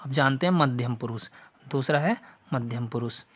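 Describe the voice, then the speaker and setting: A man's voice: mid-range voice, moderate pace. A man teaching a Hindi grammar lesson for exam prep. He talks straight to his students, repeats the example sentences and checks that they follow.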